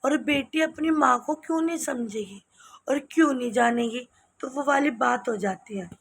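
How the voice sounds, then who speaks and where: A woman chatting casually in a home vlog, hoarse from a cold and tired late at night, in her home kitchen. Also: high voice, normal speed. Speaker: vlogger.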